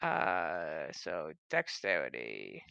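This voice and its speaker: A player in a tabletop game, talking casually in an excitable, playful way. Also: rumbling low, drawn-out words, vocal fry, highs cut off, crowd noise.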